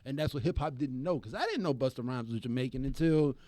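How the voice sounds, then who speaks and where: A man co-hosting a podcast in casual chat, animated and laughing often as he acts out quoted voices. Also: medium pitch, quick pace, dry recording, studio quality. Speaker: podcast co-host.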